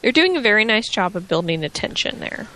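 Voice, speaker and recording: A woman's voice: mid-range voice, sing-song, brisk, pushed and bright. A woman co-hosting a wrestling radio post-show, chatting casually and teasing the wrestlers with sassy asides. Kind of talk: casual chat.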